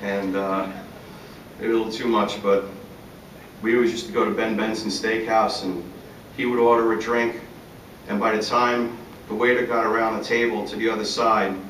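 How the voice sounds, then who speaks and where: A middle-aged man giving a live poetry reading, chatting in halting asides full of fillers between measured recitations of his verses. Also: level tone, fairly bright tone. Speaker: poet reading his work. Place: large public atrium. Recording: echoey hall, distant, faint rumble.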